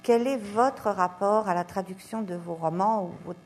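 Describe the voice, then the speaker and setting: A woman interviewing a guest, asking measured questions and often giving short affirmations. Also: mid-range voice.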